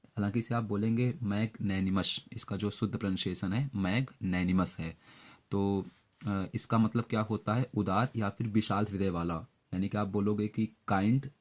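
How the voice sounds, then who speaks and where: A young man teaching exam vocabulary step by step, with frequent filler sounds and memory tricks. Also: sits low. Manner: explains word tricks step by step, many fillers. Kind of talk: exam-prep vocabulary lesson.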